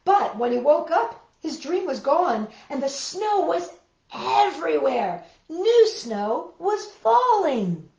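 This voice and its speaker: A middle-aged woman hosts storytime from a living room, reading picture books and chatting to young children in an expressive, deliberate way with emphatic repetition. Her voice is high-pitched and creaky. The recording sounds boxy, roomy, and dull, with a lo-fi quality.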